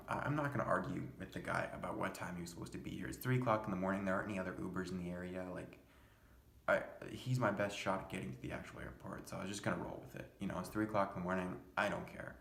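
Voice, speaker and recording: A man's voice: sits low, gravelly, fairly bright tone. A young man from the United States telling a story in a rambling, exasperated and profane way. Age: young adult. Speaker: vlogger. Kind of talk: casual storytelling. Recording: echoey room.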